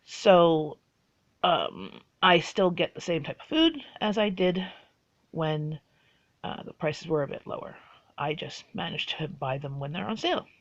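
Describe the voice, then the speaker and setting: A woman's voice: deep voice, big pitch swings, unhurried, muffled recording. A woman, chatting casually through a list of facts about herself and rambling with fillers. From Bahamas. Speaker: vlogger.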